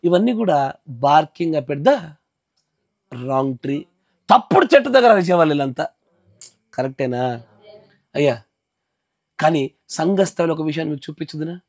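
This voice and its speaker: A man's voice: fairly high pitch, animated, normal speed, long pauses, a little mellow, dry recording. A male pastor giving an emphatic sermon at a house gathering, often checking that his listeners follow.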